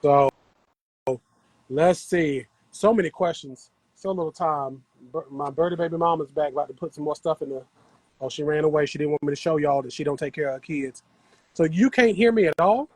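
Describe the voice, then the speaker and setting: A husky, higher-pitched man talks briskly on a dry, rough recording. During his casual gardening livestream, he chats with viewers while working the soil on an outdoor patio.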